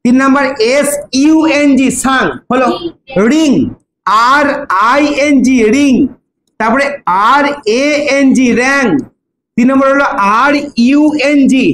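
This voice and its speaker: A woman's voice: high-pitched, slight background noise. Bengali woman teaching English spelling. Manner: spells words letter by letter, asks students questions. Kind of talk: classroom lesson in Bengali. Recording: echoey room with faint ambience.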